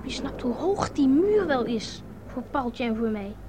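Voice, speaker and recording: Woman doing a small lonely child, radio play, earnest and insistent, very high voice, lively sing-song pitch. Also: unhurried, background noise. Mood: sad, hushed.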